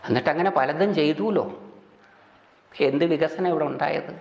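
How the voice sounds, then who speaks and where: Older man with a Kerala Malayalam accent, spiritual orator, deliberate pauses, high-ish voice, roomy echo. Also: gravelly, a little mellow, lo-fi sound. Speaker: spiritual speaker. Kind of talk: religious discourse. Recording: echoey hall.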